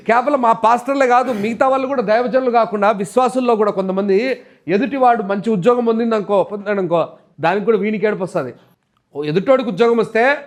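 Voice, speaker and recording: A man preaching a sermon, asking rhetorical questions and acting out people's complaints. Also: sits high. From India. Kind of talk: Telugu sermon.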